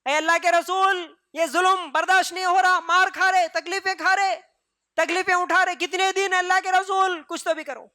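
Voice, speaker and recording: A man's voice: very high-pitched, flat delivery, sharp tone, voice pushed up. A man voicing an elderly, beaten woman who pleads in a strained voice, with a Deccani Urdu accent. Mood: pleading.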